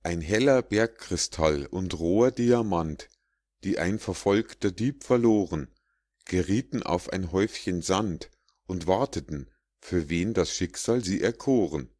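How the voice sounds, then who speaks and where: Man reading old rhyming fables, deep voice, really slow and even. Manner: measured, deliberate verse reading. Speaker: audiobook narrator.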